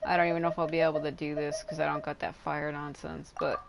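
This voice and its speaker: A woman livestreams a game, offering casual, rambling, offhand commentary with some swearing. Her low, gravelly voice is quick and level in tone, set against heavy background noise and game music.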